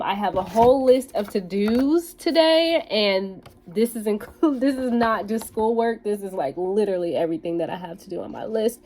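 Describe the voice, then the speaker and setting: With a mid-range, slightly mellow voice, this woman vlogs about being a bootcamp student. She chats loosely with her audience, wandering off topic and filling gaps with lots of "like" and "um."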